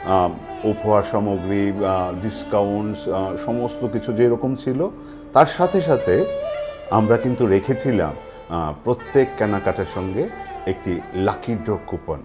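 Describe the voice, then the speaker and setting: A man hosting a lucky draw event, presenting in a semi-scripted way with halting, deliberate phrasing and frequent pauses. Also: on the low side. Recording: music playing behind the voice. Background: music.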